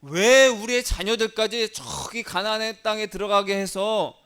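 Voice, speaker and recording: A man's voice: sits high, normal speed, a bit bright, smooth, pitched above the performer's own voice. Preacher doing a whiny, wailing Israelite man in a sermon retelling, resonant voice. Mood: wailing complaint. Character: wailing desperate Israelites, fearful grown men.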